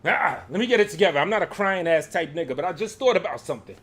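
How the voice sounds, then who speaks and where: A rapper ranting at his critics, swearing heavily and swinging from shouting to low muttering. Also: animated, fast talker. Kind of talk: profane angry rant.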